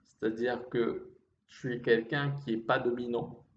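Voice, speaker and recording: A man talks introspectively at a slow, halting pace, breaking off and restarting phrases. His voice is slightly effeminate and refined in phrasing. The recording is dull and roomy, with faint noise behind him. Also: mid-range voice, flat delivery. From Réunion. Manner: halting, with repeated false starts and trailing phrases; refined way of speaking. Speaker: vlogger. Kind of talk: introspective monologue.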